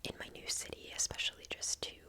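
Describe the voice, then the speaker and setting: A woman in her twenties whispering a casual ASMR storytime in a quiet, hushed bedtime voice, chatty and informal. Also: fast talker. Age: 20s.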